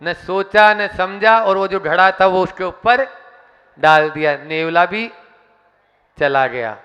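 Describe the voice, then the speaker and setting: A man with a high voice tells a moral story in a religious gathering, then hands over to the main preacher. The recording is dull and lo-fi. A long hall reverb hangs behind every phrase. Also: slow pace, pushed and bright. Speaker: speaker introducing the main preacher.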